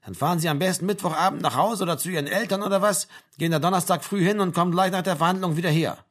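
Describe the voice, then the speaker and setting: A man reading a story aloud, voicing a mocking, gruff middle-aged army sergeant in a raised, sarcastic voice. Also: high-pitched, racing, a bit bright, voice pushed up. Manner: sarcastic, barking questions.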